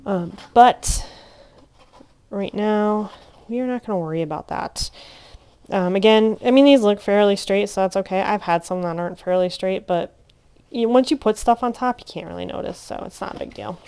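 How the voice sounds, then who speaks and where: A woman's voice: mid-range voice, moderate pace, darkish tone, smooth. A woman casually narrating a craft tutorial at home, chatty and rambling with plenty of fillers and restarts. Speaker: crafter teaching junk journal making.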